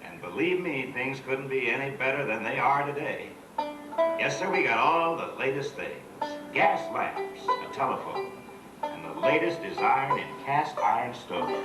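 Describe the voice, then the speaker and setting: A man's voice: medium pitch, lively intonation, unhurried, far from the mic. Folksy proud father on old VHS tape. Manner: folksy, boastful. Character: cheerful proud turn-of-century family father. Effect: old home VHS tape of a theme-park show. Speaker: animatronic show narrator. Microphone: camcorder in the audience. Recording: echoey show hall taped from afar. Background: loud show music.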